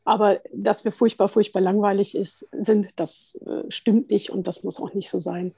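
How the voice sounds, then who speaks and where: A woman guest answering interview questions in a relaxed, chatty way, with frequent hesitations and light laughter. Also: medium pitch, moderate pace, gravelly, breathy edge, no echo, studio quality. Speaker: guest, head of continuing education at a central bank.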